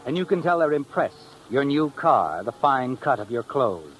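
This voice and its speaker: An actor voices a suave male narrator in a 1950s radio suspense drama, speaking to the protagonist as "you" in a knowing, suspenseful, needling way full of tag questions. His mid-range, close-to-everyday voice moves at a moderate pace with big pitch swings, and the old recording with music has its highs cut off and a little hiss or hum.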